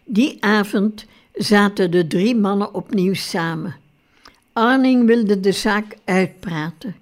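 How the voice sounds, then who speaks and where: A woman narrating a biographical story in a steady, measured reading. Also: mid-range voice. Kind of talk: audiobook narration.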